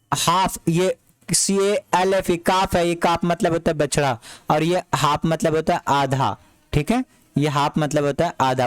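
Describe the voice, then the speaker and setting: High-voiced male teacher drilling words. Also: no echo, poor audio. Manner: repeats each word and asks the class to answer back. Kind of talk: classroom lesson.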